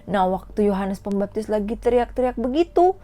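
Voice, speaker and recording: Brief: Sunday school teacher, a woman. Cheerful, animated, talks to kids. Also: medium pitch, brisk. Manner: cheerful, animated, child-directed.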